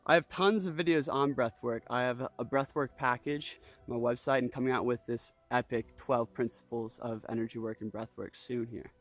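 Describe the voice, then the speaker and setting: A man's voice: mid-range voice, moderate pace, few pauses, fairly bright tone. A man teaching breathwork in a casual, easygoing way, guiding with repeated cues and loose, conversational filler phrases. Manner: easygoing, loose phrasing peppered with "you know", "like" and "right?". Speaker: breathwork and energy practice instructor. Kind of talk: casual spoken instructional demonstration.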